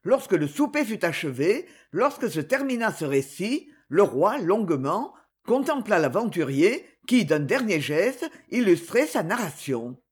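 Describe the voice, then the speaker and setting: A woman reading a classic novel aloud as an audiobook narrator, measured and expressive. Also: mid-range voice, slightly rough. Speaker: audiobook reader.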